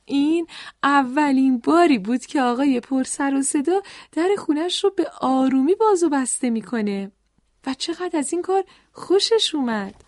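A woman tells a children's story in a high, animated voice and often stops to speak straight to the kids. She is recorded dry and close, with no room sound. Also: no room sound.

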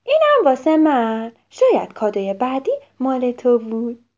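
A woman's voice: high voice, huge pitch swings, a little mellow. A woman voicing an eager, generous little child who squeals with delight. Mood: excited. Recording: slightly dull lo-fi recording.

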